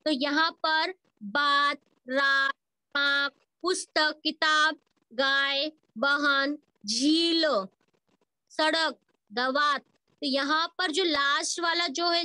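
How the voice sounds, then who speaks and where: A woman conducts an online Hindi grammar lesson for school pupils over a video call, calling them beta and answering the questions she puts to them, with English words mixed in. Her voice sits high, bright and forceful, with no room sound.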